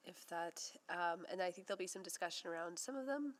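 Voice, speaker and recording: A woman city councillor with a scratchy, hoarse voice, moving formal motions at a council meeting in a council chamber. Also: fairly low pitch, expressive. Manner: reads formal motion wording at a brisk clip.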